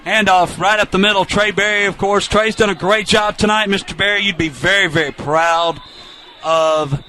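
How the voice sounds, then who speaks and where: A man doing chatty play-by-play for a high school football game, reading out viewer shout-outs between plays. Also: fairly even intonation, normal speed. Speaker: play-by-play announcer.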